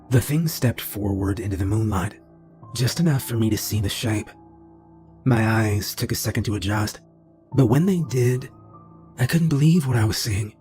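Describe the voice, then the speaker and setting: A middle-aged man narrating a first-person horror story in a low, steady, deliberate way. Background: faint music.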